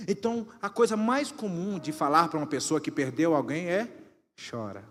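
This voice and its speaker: A man with a Brazilian Portuguese accent preaching a Pentecostal sermon in a church, moving between shouted exhortation and calm teaching. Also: fairly high pitch, normal speed. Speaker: pastor. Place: church sanctuary. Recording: reverberant hall with music behind.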